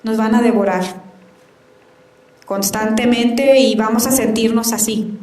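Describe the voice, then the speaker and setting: A woman preacher delivers a fervent sermon, calling out again and again to her congregation. Her voice sits fairly high and warm. It rings through a big echoey church hall, picked up from some distance with a dull edge. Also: fairly even intonation, measured pace. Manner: fervent, calls out to the congregation often.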